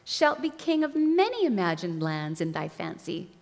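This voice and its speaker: A woman voicing a sweet-voiced scheming witch queen in a soft, soothing, quiet voice, recorded in a reverberant hall. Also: mid-range voice, animated, normal speed.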